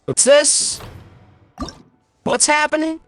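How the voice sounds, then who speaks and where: A game streamer chats casually during a livestream, blunt, exasperated and grumbling, in a high voice that stays fairly even and unhurried. He seems to be using a voice changer, and game music plays behind the commentary.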